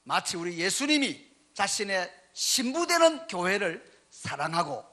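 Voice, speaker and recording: Lively high-voiced sermon interpreter. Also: male voice, a little slow. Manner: lively, emphatic, leads the congregation in reading. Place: church sanctuary.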